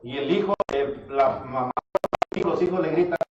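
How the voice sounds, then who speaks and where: A man's voice: on the high side, normal speed. A man preaching a sermon, often asking his listeners rhetorical questions and calling them brother. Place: church hall. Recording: echoey church audio from far off, dull and slightly noisy.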